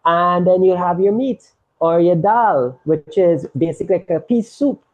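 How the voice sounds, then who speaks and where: A sports medicine doctor from Guyana, appearing as a guest, explains diet in a casual health talk with a Guyanese accent, often tagging his points with "right?". His voice is high-pitched at normal speed, and the audio sounds narrow and tinny.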